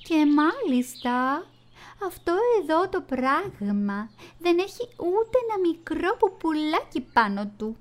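A woman's voice: high-pitched, big pitch swings, voice pushed up. Woman doing a prim little goldfinch. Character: small female goldfinch, prim and fussy.

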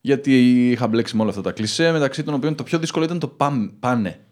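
A man hosting a podcast who grew up in the USA and was raised in Athens from age seven, talking slowly and hesitantly in casual chat. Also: medium pitch, a little mellow. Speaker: podcast host.

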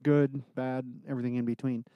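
A man with a nasal voice co-hosting a casual podcast, talking animatedly and swinging his pitch up and down. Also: little pitch movement, fairly quick, clean tone, no room sound, dull audio. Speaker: podcast co-host and pastor.

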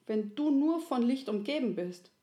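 A woman's voice: a little high, expressive, normal speed, warm tone, pitched above the performer's own voice, natural voice. A woman voicing a kindly, wise creator woman, soothing and folksy. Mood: gentle. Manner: soothing, folksy, fond of dialect fillers. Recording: roomy echo.

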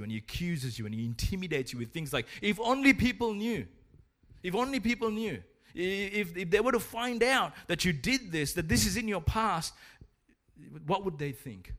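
A man preaching a sermon in an earnest, urging way, telling a story along the way. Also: medium pitch.

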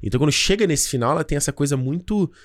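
A man's voice: a little high, dry recording, clean studio sound. A man, chatting casually as a podcast co-host, slangy and full of swearing. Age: 30s. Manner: fast, slangy and swearing, animated. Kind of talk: casual chat.

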